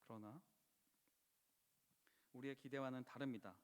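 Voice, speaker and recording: A man's voice: medium pitch, steady tone, measured pace. A man preaching a Friday prayer sermon, earnest and pleading, now and then crying out with feeling. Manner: earnest, pleading, rising to impassioned outcries. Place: church sanctuary. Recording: long church hall reverb.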